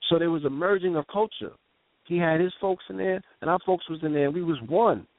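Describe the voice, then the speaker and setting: A man with a fairly high voice talks briskly through a raw personal story as a guest, describing what he saw with intensity and vivid detail. He uses casual street slang, keeps asking "you know what I'm saying," and comes through on a dry, tinny phone line.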